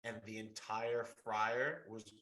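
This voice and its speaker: A man's voice: on the low side, slow, poor audio. A man in his thirties, a podcast co-host, talking bluntly and teasing his friends in casual chat. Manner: blunt, teasing, animated storyteller.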